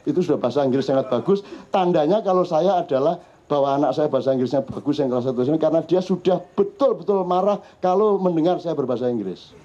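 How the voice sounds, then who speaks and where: A man's voice: on the high side, fast, warm tone. A middle-aged man with a Javanese accent, telling funny stories to a live audience in a teasing, chatty way. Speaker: speaker at a public discussion forum. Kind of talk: humorous storytelling to a live audience. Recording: muffled lo-fi live recording.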